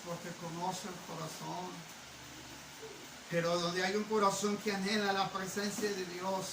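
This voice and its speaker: A man preaching a sermon, moving from calm teaching into repeated, shouted fervent phrases. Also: high-pitched. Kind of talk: Pentecostal-style sermon. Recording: echoey hall, preacher far from the mic, noisy.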